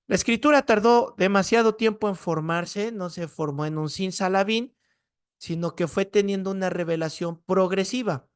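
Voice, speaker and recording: A man with a Mexican Spanish accent teaching a Bible class indoors, telling lively stories and tagging his points with quick questions to the class. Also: on the high side, clear, resonant tone, no room sound, studio quality. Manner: lively storyteller, rhetorical "¿no?" tags.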